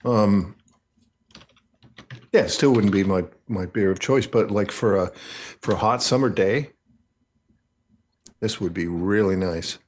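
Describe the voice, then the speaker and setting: A man's voice: fairly low pitch, unhurried, pauses often. A man chatting casually on a game stream, rambling and joking. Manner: rambling, jokey, laughs often.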